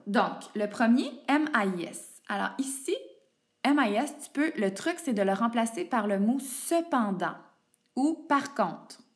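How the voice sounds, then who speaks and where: A woman teaching a spelling lesson, her voice a little higher than most. She is patient and methodical, spelling out words letter by letter as she explains. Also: lively intonation, measured pace. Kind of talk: explaining French homophones to a student.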